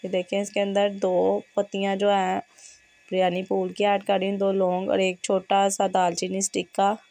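A cooking channel host, a woman with a hoarse, fevered voice, gives steady step-by-step instructions in a kitchen for a home cooking tutorial. Her voice is mid-range and she speaks at normal speed.

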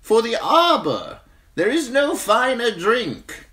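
A man voicing a small, flamboyant male wine merchant who hawks his wares in a high, drawn-out, theatrical cry. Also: huge pitch swings, pushed and bright, heavily acted. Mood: fawning.

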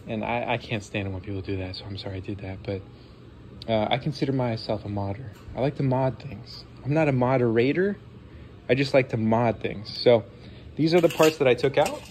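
Brisk and darkish in tone, a mid-range male voice belongs to a forties-aged vlogger dismantling a game console at home. He's sniffly, enthusiastic, and chatty, with rambling apologetic asides, and there's a little background noise.

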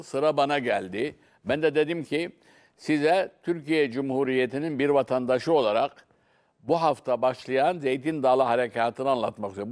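An older man arguing as a guest on a televised political panel, insistent and repeatedly cutting in to demand that others listen. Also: medium pitch. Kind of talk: heated televised panel debate. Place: TV studio.

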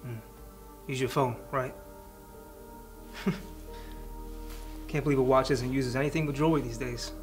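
A man's voice: mid-range voice, fairly even intonation, normal speed, pauses often, music in the background, close to an everyday voice. A man in his thirties acting as a tough, sardonic police detective, blunt and probing in a naturalistic interrogation scene. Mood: dry probing.

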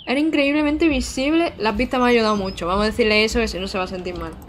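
A young woman talks over her gameplay in a bubbly, chatty way. Her voice sits a touch high. A faint hiss stays in the background. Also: rapid-fire. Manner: excitable, chatty, with frequent squeals and giggles. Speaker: streamer playing a video game. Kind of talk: casual live-stream gameplay chat.

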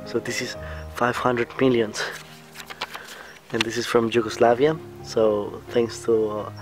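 A young man talks loosely into a close camera mic outdoors, relaxed and rambling, dropping fillers and laughs as he goes. His pitch sits at an ordinary middle height. Soft music plays faintly behind him. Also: a little slow. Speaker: student vlogger. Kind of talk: casual vlog chat. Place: outdoors beside a building.

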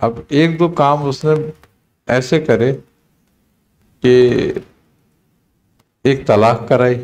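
A man, a spiritual teacher, telling a story in a relaxed conversational talk and acting out the quoted dialogue. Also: mid-range voice. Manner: unhurried, recounting with quoted dialogue.

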